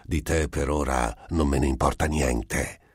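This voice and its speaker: A sardonic, taunting devil, read by a man in an extremely deep, husky voice. He speaks slowly and drily, with every jab delivered close to the mic. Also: fairly even intonation, no room sound, heavily acted. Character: mocking male devil disguised as a man.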